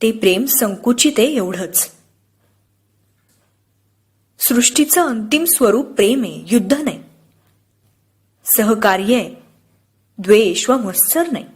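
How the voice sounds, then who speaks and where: A woman reads an audiobook aloud in a slightly high, husky voice. She tells the story steadily, with expression. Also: lively intonation, slow pace, pauses often. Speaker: audiobook narrator. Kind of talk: audiobook narration.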